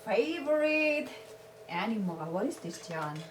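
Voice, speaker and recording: Slow sing-song woman in echoey room. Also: a little high, big pitch swings. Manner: slow, patient questioning with sing-song prompts. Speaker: parent teaching a child. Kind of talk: home video lesson for a child. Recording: echoey room, far from mic, loud noise.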